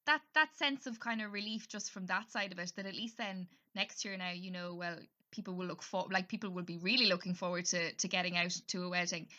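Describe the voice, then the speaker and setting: A woman's voice: on the low side, steady tone, fairly quick, hardly any pauses, pushed and bright, lo-fi sound. A woman interviewing a guest in a casual, supportive way, with many short agreeing murmurs.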